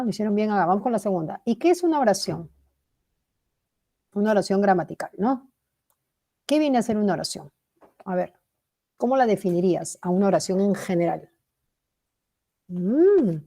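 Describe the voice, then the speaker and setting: A woman's voice: mid-range voice, animated, moderate pace, pauses often, warm tone. A woman teaching a language class, explaining step by step, praising students by name and checking in with "¿verdad?". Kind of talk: online class lecture.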